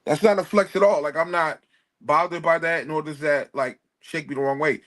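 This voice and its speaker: This man's voice is fairly high and a bit bright, with fairly even intonation. As a guest in a casual debate on a live online panel, he's quick to interject, offers apologies along the way, then turns argumentative in defending his side.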